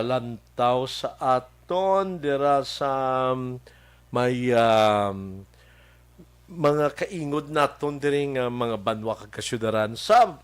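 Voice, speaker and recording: A man hosting a local radio show with a Hiligaynon accent, chatting casually and greeting listeners by name, halting with many fillers and chuckles. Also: mid-range voice, clear, resonant tone. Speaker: radio host. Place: radio studio.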